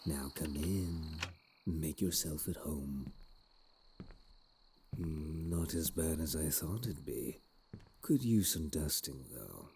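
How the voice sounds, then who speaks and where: Man voicing a very deep, unhurried plague doctor. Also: animated, creaky, mellow, slight background noise, full character voice. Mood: calm, musing. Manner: low, unhurried voice; archaic, theatrical wording, doting and menacing. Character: sinister, courteous plague doctor, dark fantasy healer, fond of accomplice. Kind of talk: scripted fantasy audio role-play.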